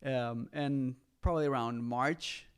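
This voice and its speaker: A man's voice: mid-range voice, measured pace, clear, resonant tone. A young man from Costa Rica, a guest musician chatting casually, full of fillers and "like". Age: young adult. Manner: relaxed, filler-heavy, says like often. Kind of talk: casual chat.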